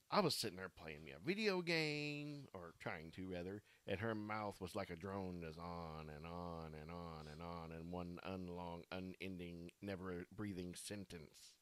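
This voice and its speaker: A man co-hosts a casual stream with a very deep, low voice. He drops in dry, joking asides and wry comparisons. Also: a little slow, a bit bright, dry recording. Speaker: co-host. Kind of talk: casual chat with wry interjections.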